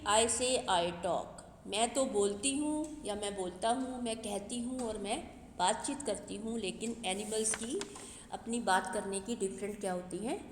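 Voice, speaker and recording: A woman teacher slowly explaining an English poem to young children, translating each word. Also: medium pitch, a little hiss or hum. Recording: echoey room with long reverb.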